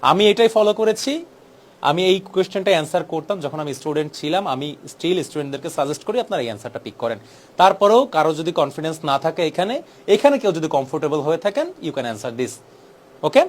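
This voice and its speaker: Young male tutor, high and quick, brisk and persuasive, exam-prep lesson. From Bangladesh. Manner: brisk, persuasive, mixes English words into Bangla.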